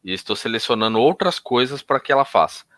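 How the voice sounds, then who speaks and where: A man teaching techniques in a relaxed conversational way, often restarting sentences and changing his tone to show examples. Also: medium pitch, fast, no echo. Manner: explains with hesitant restarts, demonstrates intonation shifts. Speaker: NLP instructor.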